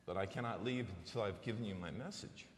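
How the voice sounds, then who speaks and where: A man's voice: on the low side, fast, slight background noise, lightly acted. A man playing the playful spirit of an ancient criminal in a comic stage drama, theatrical, chummy and exuberant. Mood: earnest. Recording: echoey hall, music behind.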